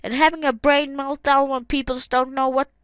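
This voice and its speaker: A woman's voice: sits high, little pitch movement, normal speed, fairly bright tone, no room sound, lo-fi sound. A woman hosting a gaming channel, reading forum comments aloud and adding casual, wry, sarcastic asides.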